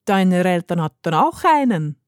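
A woman voicing a kindly old grandfather who speaks calmly and soothingly, in a storybook reading. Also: fairly low pitch, unhurried, clear, resonant tone, no room sound, clean studio sound. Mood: gentle. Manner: calm, soothing, relishing.

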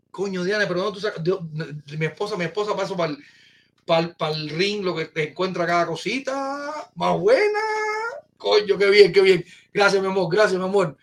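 A man hosting a casual live-stream chat, excitable and exclaiming, often repeating his phrases. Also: sits high. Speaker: podcast host.

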